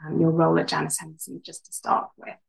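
A woman's voice: deep voice, monotone, quick pace, gravelly. A woman co-hosting a podcast, asking a guest questions in a polite, slightly nervous way, her voice echoey over a video call. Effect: echoey remote video-call sound. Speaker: podcast co-host interviewing a guest. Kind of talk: interview questions.

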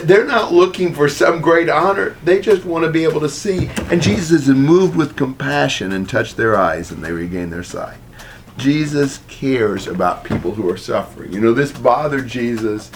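A man leading a group Bible study, explaining a passage in a relaxed way and asking the group questions. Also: fairly low pitch, slight background noise. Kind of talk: conversational group Bible teaching.

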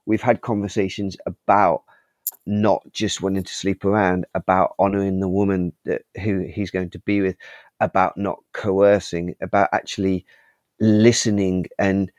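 A man's voice: sits low, little pitch movement, moderate pace, darkish tone, no echo. A middle-aged father talking earnestly and reflectively in a casual podcast chat. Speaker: co-host, father.

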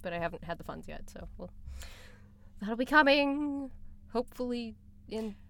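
A woman's voice: on the high side, expressive, moderate pace, a bit bright. A woman co-hosting a podcast, chatting casually into a studio microphone in a library, with lots of restarts and laughs. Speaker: podcast co-host. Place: library recording room.

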